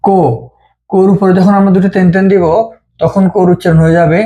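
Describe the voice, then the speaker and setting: Patient man with a mellow voice. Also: high-pitched, little pitch movement, lo-fi sound. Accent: Bengali. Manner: slow, patient, repeating each sound. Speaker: language teacher. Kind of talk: step-by-step script lesson.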